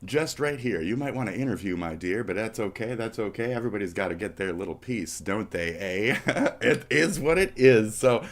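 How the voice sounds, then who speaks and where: A man with a lowish, animated voice hosts a live stream at a moderate pace, stuffy from a snotty nose. His casual rant is profane and rambling, sliding now and then into half-rapped riffs.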